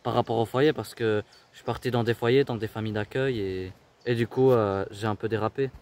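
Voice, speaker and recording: A teenage young man, a reality show participant, speaking quietly and haltingly with many fillers. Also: lowish voice, steady tone. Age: teens.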